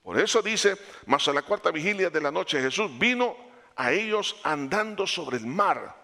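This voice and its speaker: A man delivers a sermon with a bright, ringing voice. His pitch swings widely, climbing for emphasis and falling low and quiet, and he calls his listeners brother. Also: normal speed, creaky. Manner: animated, rising for emphasis then dropping low. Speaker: preacher.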